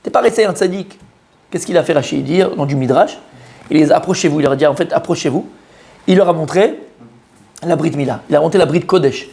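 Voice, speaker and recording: A man's voice: on the high side, fast talker, vocal fry, dark tone. A man, a rabbi, giving an informal Torah lesson to a live group, talking straight to his listeners and repeating key words with many fillers. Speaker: rabbi teaching a Torah class.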